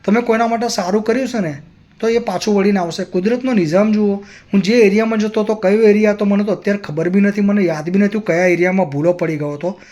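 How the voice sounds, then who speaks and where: A man's voice: high voice, fairly even intonation, fast, dark tone. A man vlogger telling a personal story in an earnest, moralizing way.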